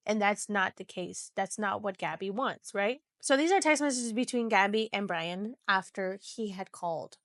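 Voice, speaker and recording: Woman, podcast host, casual true-crime storytelling, chatty filler-heavy retelling, mid pitch, dry sound. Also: moderate pace, hardly any pauses, fairly bright tone, dry recording. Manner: chatty, loose retelling with many "so" and "you know".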